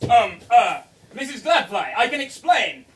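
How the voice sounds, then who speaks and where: A man's voice: very high-pitched, big pitch swings, a little slow, exaggerated voice. A man playing a pompous aristocratic thief. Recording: distant stage recording with noise.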